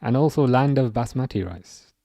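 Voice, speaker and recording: This young English livestream host chats casually about football from home, reading out viewers' messages and rambling through plenty of false starts and repeated words. His mid-pitched voice is animated and warm with some vocal fry, at normal speed, recorded dry and close.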